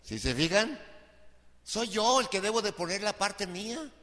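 A male pastor delivers an impassioned sermon in a high, piercing voice, sinking to hushed tones and then climbing to shouted pleas. His voice rings out with a long reverb, as if in a large hall. It has a bright, cutting edge. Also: very animated, a little slow. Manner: impassioned preaching, swinging from soft to shouted pleading.

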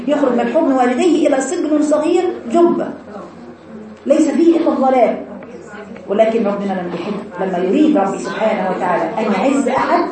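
A woman teaching a Quran commentary lesson, speaking fervently to her students as her daughters. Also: medium pitch. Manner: fervent, addresses listeners as "my daughters". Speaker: religious teacher. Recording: echoey hall, distant mic, audience noise.

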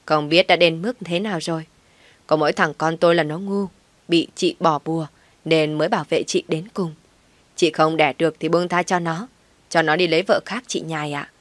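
A woman voicing a sharp-tongued, contemptuous older mother-in-law in an audio story, scolding loudly. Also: low voice, no echo.

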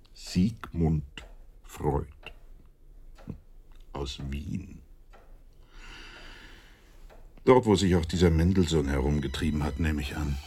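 An actor playing a modest English doctor in a radio drama, speaking politely, thoughtfully and with some hesitation. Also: male voice, a bass voice, darkish tone, a little hiss or hum, heavily acted. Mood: musing, reluctant. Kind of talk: German radio drama acting.

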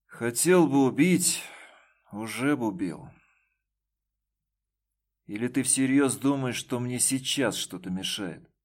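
A man voicing a numb, detached young man in an audiobook, speaking flatly. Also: mid-range voice, slow pace, pauses often. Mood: cold. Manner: flat, detached.

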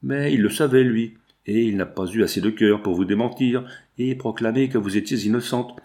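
A man's voice: lowish voice, normal speed, a little mellow, natural voice. A man reading an audiobook, voicing a cold, accusing, vengeful middle-aged magistrate. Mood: stern.

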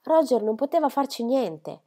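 An earnest, gentle young woman, read by a woman narrator. Her voice is a little raised and soft-spoken. Storybook reading. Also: sits high, very animated, moderate pace, voice pushed up, exaggerated voice.

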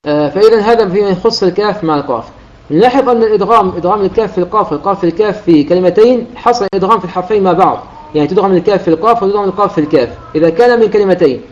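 A man teaching the rules of Quran recitation, explaining a classical poem line by line and slowing down to recite the examples. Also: sits high. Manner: explanatory, quotes verses in a slow chanted delivery. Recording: dull lo-fi recording.

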